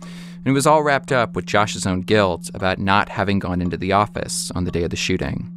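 A man giving scripted documentary narration in a measured, even storytelling manner. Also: deep voice.

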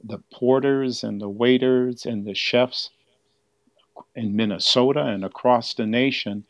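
As an interview guest, a museum exhibit curator, an older man, talks about history in an unhurried, medium-pitched voice. There's no room sound, but the line is dull and band-limited.

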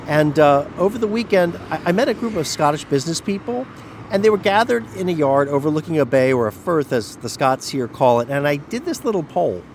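A man's voice: on the high side, a little hiss or hum. Male correspondent explaining in conversation. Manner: conversational, explanatory with small restarts. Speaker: radio correspondent. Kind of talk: reported news conversation.

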